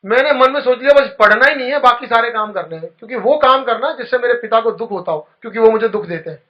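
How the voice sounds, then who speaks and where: Guy with a high voice doing a motivational speech, storytelling, kinda muffled lo-fi sound. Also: fast. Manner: storytelling, emotional, drops low and soft at touching moments. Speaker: motivational speaker. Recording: dull lo-fi recording.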